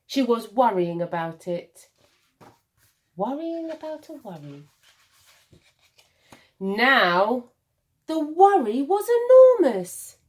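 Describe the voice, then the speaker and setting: Here a woman performs a picture book for small children the way a primary school teacher would, expressively and with purposeful dramatic pauses and emphasis. Her voice is a little high and moves through big pitch swings.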